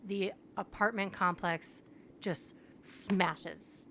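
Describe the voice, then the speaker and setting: A woman's voice: lowish voice, steady tone, drawn-out words, bright, forceful tone, a little hiss or hum. A young woman co-hosting a podcast, animatedly retelling a book plot in casual chat, sprinkling in "like" constantly. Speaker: podcast co-host.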